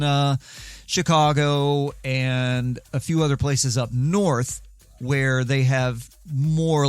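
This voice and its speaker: A man talks through a casual solo podcast, wandering from story to story with a dry, self-mocking humor. His voice sits at an ordinary middle pitch. Faint music plays underneath. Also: dry recording. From southeastern United States. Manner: rambling, wry, self-deprecating storyteller. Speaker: podcast host.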